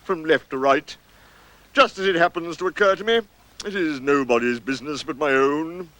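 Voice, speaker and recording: A man voicing a gloomy, dignified old storybook donkey with a ponderous, deadpan, sarcastic delivery. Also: a little high, moderate pace, pitched above the performer's own voice, close to an everyday voice, low-quality recording. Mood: cold dignity.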